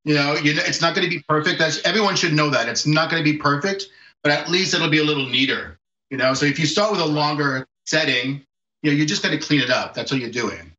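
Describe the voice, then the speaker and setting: Laughing barber on an echoey video call. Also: male voice, a little high, fast talker, sharp tone. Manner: laughs often, easygoing instructions. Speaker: barber giving a haircut lesson. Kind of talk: casual how-to demonstration over video call. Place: home room with sloped ceiling. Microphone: video call from far camera. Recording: echoey room, dull lo-fi call audio.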